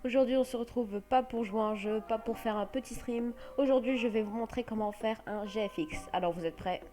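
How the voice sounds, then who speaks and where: A woman with a French accent hosting a casual software tutorial, explaining step by step with many hesitant fillers. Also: fairly high pitch, brisk. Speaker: tutorial host.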